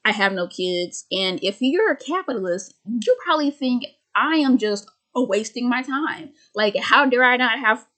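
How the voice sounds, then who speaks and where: A woman's voice: fairly high pitch, animated, normal speed, few pauses, sharp tone. A woman of twenty-five ranting casually to camera, rambling and sardonic, with many restarts and stammers. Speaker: vlogger.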